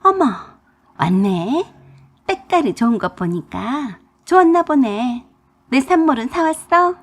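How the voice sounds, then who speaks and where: A spoiled young sister-in-law who snaps back defiantly, her voice jumping high and low, played by a woman. Breathy and husky, a brat in a radio drama. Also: very animated, unhurried, full character voice. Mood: teasing. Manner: snippy, defiant.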